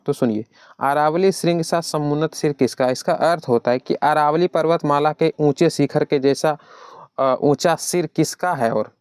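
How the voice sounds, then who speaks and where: Over and over he calls the listener "brother" as this male teacher runs an online exam-prep class, working through things step by step and answering his own questions to the students. His voice is smooth, darkish and on the high side, with clean studio sound and no room tone.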